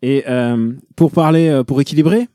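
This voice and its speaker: A man hosts a casual talk show with a mellow, rounded voice at an average pitch. The sound is dry and close, and his delivery is conversational. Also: normal speed, dry recording. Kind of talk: casual podcast hosting.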